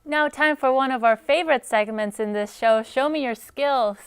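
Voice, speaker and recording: A woman's voice: high voice, normal speed, clean tone, no room sound. A young woman anchoring a student show, presenting in an upbeat, scripted way.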